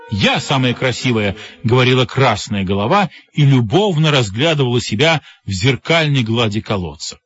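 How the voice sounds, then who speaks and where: A man narrating a children's audiobook in an expressive storytelling manner. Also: mid-range voice. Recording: lo-fi audio with music behind.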